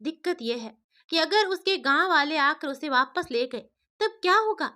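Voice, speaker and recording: Woman voicing an older mother, firm and persuading, high voice. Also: lively intonation, moderate pace, pushed and bright. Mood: pressing.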